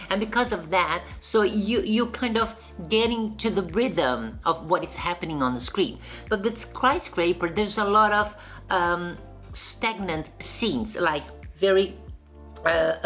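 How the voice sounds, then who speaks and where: A woman vlogger giving a casual spoken review in a halting way, often circling back to rephrase. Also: lowish voice, fairly bright tone. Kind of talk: casual chat, reviewing while eating.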